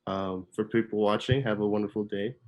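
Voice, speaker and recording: Young male guest, low soft monotone, casual podcast talk. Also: fairly quick. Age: young adult. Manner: soft-spoken, self-described monotone. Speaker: guest photographer.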